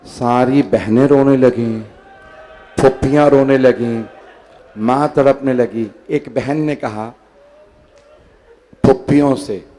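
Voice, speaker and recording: A man preaching a mourning sermon in a hall, telling the story with dramatic oratory that swings between loud declaiming and a hushed, lamenting voice. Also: medium pitch, fairly even intonation, slow pace, pauses often. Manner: storytelling, acts out quoted speakers. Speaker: Shia cleric reciting a Muharram majlis. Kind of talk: impassioned majlis sermon. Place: large gathering hall.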